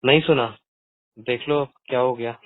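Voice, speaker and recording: A man's voice: mid-range voice, steady tone, measured pace, no room sound. Agreeing man on a tinny phone line. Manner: mostly listens, agreeing with short murmurs. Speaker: caller. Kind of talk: phone conversation.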